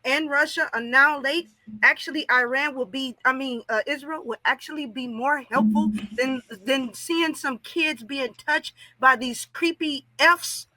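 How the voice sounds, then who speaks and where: A woman with a high, sharp voice speaks as a radio show caller in a live debate. She is argumentative and insistent, with casual, sweary phrasing, and the sound is dry and close. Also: measured pace, dry recording, low-quality recording. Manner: casual swearing, addresses host as bro.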